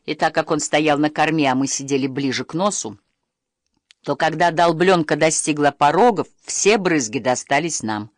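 An audiobook narrator reading a first-person story with expressive storytelling. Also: mid-range voice, no room sound, clean studio sound.

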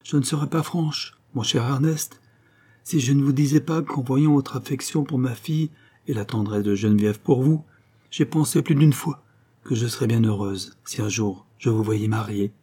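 A man's voice: mid-range voice, normal speed, warm tone, slightly rough, pitched above the performer's own voice, natural voice. A man reading aloud, voicing a grave, sorrowful middle-aged noble mother in a storybook.

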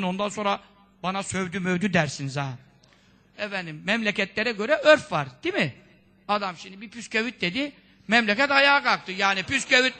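A preacher gives a conversational religious sermon in a strikingly high, ringing voice that is pushed and bright. He scolds his audience with a string of rhetorical questions, dropping in Arabic sayings along the way.

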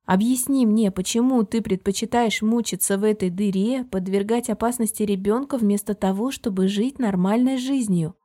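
A woman reading the part of a controlling man in an audiobook, speaking evenly and almost friendly while quietly pressuring. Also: medium pitch, moderate pace, few pauses, lightly acted. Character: controlling adult man, calm and falsely caring.

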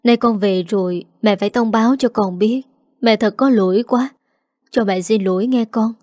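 A woman's voice: medium pitch, normal speed, warm tone, no room sound, clean studio sound, lightly acted. A woman voicing a tearful, self-pitying mother-in-law near sixty in a spoken story. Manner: weepy, pleading.

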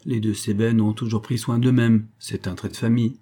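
A sardonic aristocratic old marquis, as a man reads him, languid and unruffled, mocking every word. The voice sits a touch raised and dark-toned, with a slightly husky grain. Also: fairly low pitch, level tone, brisk.

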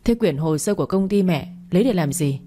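A woman's voice: on the low side, expressive, a little fast, warm tone. A woman reading as a worried, pressing grown son. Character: worried grown son questioning his mother.

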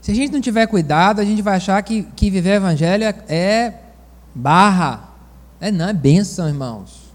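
A man from Bahia, preaching a sermon in a folksy, animated storytelling manner with asides to the congregation. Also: high voice, normal speed, in a large hall. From Bahia, Brazil.

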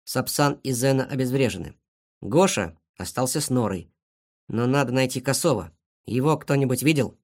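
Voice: mid-range voice, animated, moderate pace, darkish tone. A storybook reader voicing a serious, level-headed male dog who speaks cautiously.

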